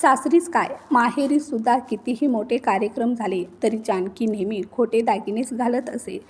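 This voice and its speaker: A woman narrating an emotional storybook tale in a steady reading voice. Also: fairly high pitch, normal speed, breathy edge. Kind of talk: scripted narration.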